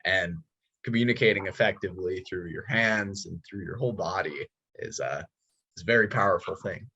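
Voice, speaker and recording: A man with a husky voice interviewing a guest, affirming points and asking measured questions with some hesitation. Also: sits low, sharp tone, lo-fi sound.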